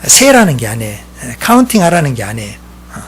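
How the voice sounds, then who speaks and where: A man preaching a sermon as pastor, swinging between loud exclaiming and hushed whispering. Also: medium pitch, wildly swooping pitch, fast talker, slight background noise.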